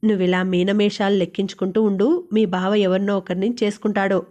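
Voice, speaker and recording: A woman's voice: mid-range voice, little pitch movement, quick pace, warm tone, lightly acted. A woman voicing a cheerful young female roommate who teases and fusses over her friend. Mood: teasing. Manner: teasing, fussing.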